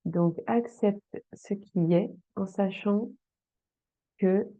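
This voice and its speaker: A woman reading tarot cards for her viewers, talking slowly and hesitantly with many fillers, addressing the listener directly. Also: mid-range voice, dry recording. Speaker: tarot card reader. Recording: dry, phone-like sound.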